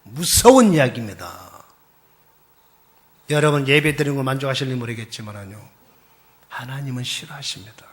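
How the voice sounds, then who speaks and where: A male pastor preaching a fiery sermon, quizzing the congregation and swinging from shouts to hushed whispers. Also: mid-range voice, normal speed, long pauses.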